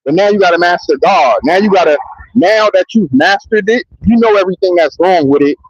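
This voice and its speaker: A vlogger with a high-pitched, husky voice talks briskly with lively intonation into a handheld mic outdoors in a public area near trains. His monologue is loose, rambling and profane, and keeps circling back to "you know what I mean." The audio is dull, with no room sound.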